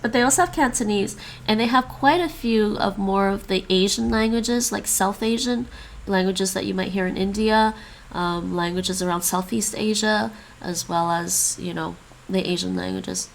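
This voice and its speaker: A little hiss or hum runs under this stream, where a woman who grew up speaking English and Chinese studies languages. Her voice is medium-pitched and gravelly, at a normal pace. She chats casually, thinking aloud and repeating foreign phrases.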